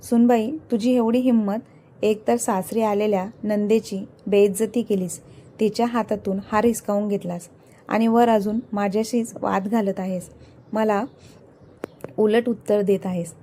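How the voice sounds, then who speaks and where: Woman voicing a domineering mother-in-law, scolding, mellow low-bright tone. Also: steady tone, unhurried, slight background noise, lightly acted. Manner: scolding, shrill complaints. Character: domineering, quarrelsome middle-aged mother-in-law.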